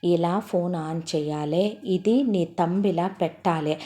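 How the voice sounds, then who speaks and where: A woman's voice: takes it slowly, mellow. A woman doing a sulky muttering young husband. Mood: grudging. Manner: low, muttering, grudging. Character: sulky young husband, grumbling under his breath.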